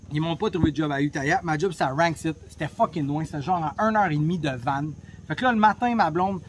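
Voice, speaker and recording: A man's voice: high voice, slight background noise. A man with a Québécois French accent hosting a travel podcast, telling his story in a chatty, blunt way with lots of swearing, recorded on a phone. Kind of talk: casual storytelling monologue.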